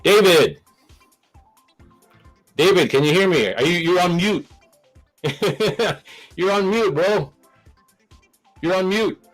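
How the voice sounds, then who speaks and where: A man's voice: high voice, expressive, slow pace, pauses often, soft background music, rough recording. A man hosting a live stream, talking casually with many restarts and a nervous laugh.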